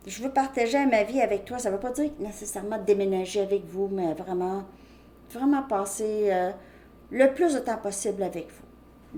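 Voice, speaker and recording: A woman's voice: medium pitch, warm tone. Woman, tarot reader, chatty and loose, roomy echo with faint hiss. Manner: chatty, thinking aloud with many fillers and "ok?". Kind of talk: casual tarot card reading to viewers. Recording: echoey room, faint background noise.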